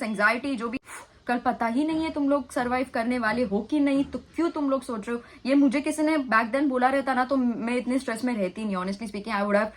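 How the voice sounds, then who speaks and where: A woman's voice: high voice, fairly bright tone, low-quality recording. A woman vlogger talking earnestly to her viewers in a casual storytime vlog, mixing Hindi and English in a confiding way. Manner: talks of speaking fast for storage, in quick bursts.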